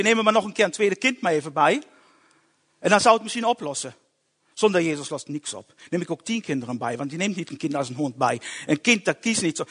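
Husky man with a lively, high voice. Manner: emotional, halting storytelling with restarts. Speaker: testimony speaker. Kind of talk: personal conversion testimony.

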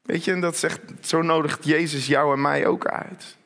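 Fervent preacher man, fairly high voice. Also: steady tone, moderate pace. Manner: emphatic, rising to loud urgent calls. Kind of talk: sermon.

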